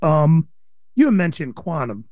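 Man, interview host, a bit higher pitch, casual, dull lo-fi sound. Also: very animated, takes it slowly, no room sound. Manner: casual, short backchannel replies. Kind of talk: radio interview.

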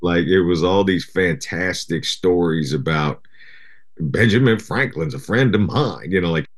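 A middle-aged man from Japan, a guest rapper, chatting in an interview in a relaxed, rambling way full of "you know". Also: low voice, a little slow. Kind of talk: casual interview chat.

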